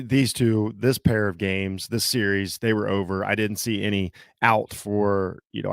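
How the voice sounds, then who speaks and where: A man from Southeastern Ohio with a slight Southern accent, hosting a casual solo sports podcast, talking haltingly with many fillers and restarts. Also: on the low side, creaky, no echo, clean studio sound. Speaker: podcast host.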